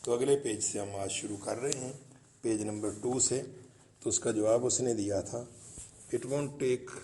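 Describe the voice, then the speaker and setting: Man, English teacher, classroom lecture, translates lines for students, dark tone, roomy echo. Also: on the low side, steady tone. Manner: retells a story in Urdu, then reads English lines and translates them; explains pronunciation and word meanings to students.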